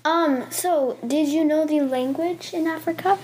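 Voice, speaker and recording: A woman's voice: high voice, measured pace, darkish tone, slight background noise. A young woman hosting her own casual podcast, chatty and eager, interviewing her grandmother with many ums. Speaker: podcast host.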